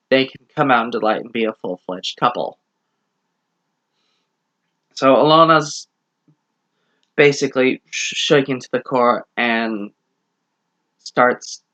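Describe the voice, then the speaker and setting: A man's voice: medium pitch, bright, forceful tone. Man rambling through a book review. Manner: rambling plot summary with self-corrections. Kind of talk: casual book review vlog.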